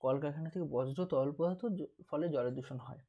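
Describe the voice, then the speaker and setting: A man's voice: a little high, brisk, muffled recording. A man with a Bengali accent working through an exam paper as a teacher, repeating key terms and asking and answering his own questions. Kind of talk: exam paper walkthrough lesson.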